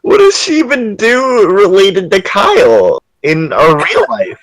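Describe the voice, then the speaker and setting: A man co-hosting a podcast in casual chat. He is excitable and swears often. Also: high voice, measured pace, rough recording. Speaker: podcast co-host.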